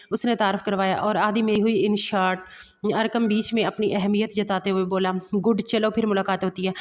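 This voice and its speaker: A woman reading a romantic novel aloud as a storyteller, in a steady voice that stumbles and restarts now and then. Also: mid-range voice. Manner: even, steady reading with occasional slips and restarts. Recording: long hall reverb.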